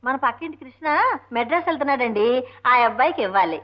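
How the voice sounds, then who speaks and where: An actress playing a naive, chatty young wife who speaks sweetly and coaxingly in an old film comedy. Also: female voice, a little high, lively intonation, fast, lightly acted. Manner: sweet, coaxing, hard of hearing. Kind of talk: 1970s Telugu film comedy. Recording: dull lo-fi film soundtrack.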